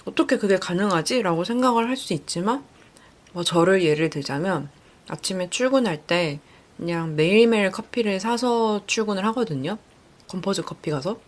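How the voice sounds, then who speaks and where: A young woman hosting a casual podcast, chatting reflectively about a book she read and often acting out her own thoughts in lively voices. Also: mid-range voice, moderate pace. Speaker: podcast host.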